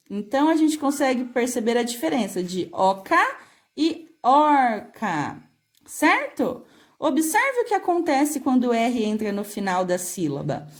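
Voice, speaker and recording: Woman, Brazilian Portuguese accent, primary school teacher, remote phonics lesson, lively pitch, drawn-out words. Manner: slow, careful, stretching out words to show sounds.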